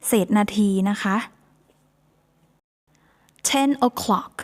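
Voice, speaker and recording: A woman with a Thai accent teaching beginner English vocabulary, saying each word three times before she explains it. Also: very slow.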